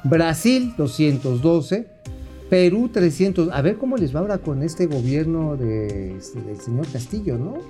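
Man, Mexican accent, a bit high-pitched, casual banter, quick asides, soft music under. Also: sing-song. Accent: Mexican Spanish. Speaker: co-host. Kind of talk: casual talk-show chat.

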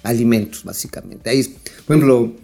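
A man's voice: mid-range voice, fairly quick, vocal fry, mellow, faint music behind. Slangy Mexican man, joking commentary. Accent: Mexican Spanish. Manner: slangy, joking, swears freely. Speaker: co-host of a financial talk show. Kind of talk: casual, profane financial commentary.

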